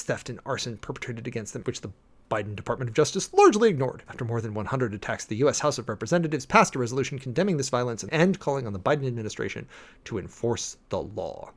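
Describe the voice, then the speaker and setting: In a mid-range voice, an American man performs a dramatic reading with spontaneous commentary. He sounds like a preacher-commentator: sardonic, emphatic and prone to mock-exasperated asides.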